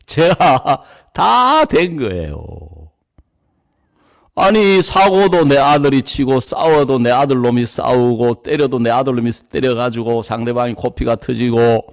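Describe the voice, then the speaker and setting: Middle-aged male pastor, lively up-and-down storytelling delivery, mid-pitched voice. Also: measured pace. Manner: animated storyteller, acts out the people in his story. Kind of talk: storytelling sermon talk.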